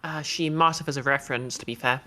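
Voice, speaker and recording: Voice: mid-range voice, fairly even intonation, quick pace, bright, forceful tone. A player at a tabletop game, making dry, pedantic remarks in casual chat.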